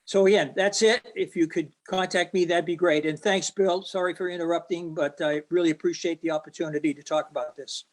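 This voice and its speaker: Man making a halting club announcement. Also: fairly high pitch, steady tone. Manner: halting, many fillers and restarts. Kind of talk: meeting announcement.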